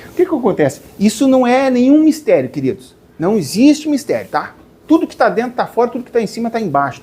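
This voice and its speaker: Animated man lecturing a crowd. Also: high-pitched, slightly rough. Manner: animated, questions the audience, calls them dear ones. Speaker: spiritual lecturer. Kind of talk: live lecture to an audience.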